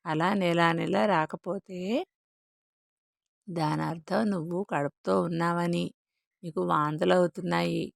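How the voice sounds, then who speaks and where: A knowing village mother who scolds with fond amusement, as a woman narrator puts her on. The voice sits low with heavy fry, heard close and dry. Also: fairly even intonation, measured pace, pauses often, dry recording. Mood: teasing. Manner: affectionately scolding.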